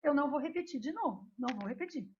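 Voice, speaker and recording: A woman voicing a gruff, impatient male god who gives grudging, curt replies and scolds. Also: sits high, lively intonation, fast, darkish tone, a little hiss or hum. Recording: dull lo-fi recording.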